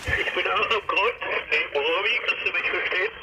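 A man talks from the sea floor through a diving-mask radio, his voice nasal and gurgling underwater. It sits very high for a man and comes through faint and distant, buried in a loud hiss of radio noise. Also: normal speed. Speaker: research diver. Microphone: full-face diving mask with radio. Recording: loud noisy radio link from far.

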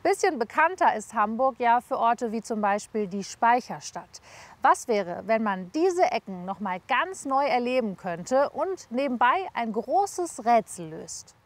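A woman presents a TV magazine segment with a fairly high, animated voice. She reads her lines as an upbeat studio introduction. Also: a little slow. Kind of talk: scripted presenting.

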